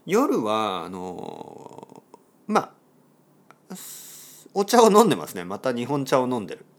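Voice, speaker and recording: Lively, repetitive Japanese-teaching man. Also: medium pitch, takes it slowly. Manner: repeats key words, many soft fillers. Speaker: podcast host teaching Japanese. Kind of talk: simple spoken explanation for learners.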